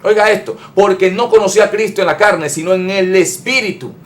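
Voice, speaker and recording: A male pastor with a high voice preaches an emphatic sermon at a fairly quick pace. He repeats phrases and speaks straight to his listeners, addressing them as brothers.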